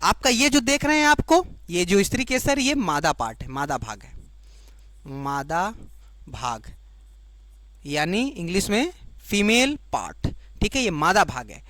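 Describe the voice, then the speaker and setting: A woman teaching biology to exam students, repeating each key term slowly and checking that the class follows. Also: on the low side, fairly bright tone, no echo. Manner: explains in Hindi, giving the English term for each.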